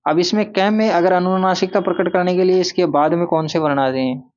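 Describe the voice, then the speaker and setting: Man teaching grammar, repeating words slowly. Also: high voice, fairly even intonation, a little mellow, lo-fi sound. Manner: repeats words slowly, asks and answers his own questions. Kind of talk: classroom-style grammar lesson.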